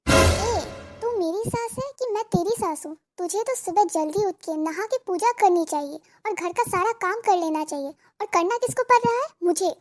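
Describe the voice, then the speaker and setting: A nagging, sarcastic mother-in-law in a cartoon comedy, her complaints pitched very high, as a woman voices her. She scolds in a theatrical way, and music plays softly underneath. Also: lively intonation, moderate pace, hardly any pauses. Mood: scolding. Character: scolding middle-aged Indian mother-in-law.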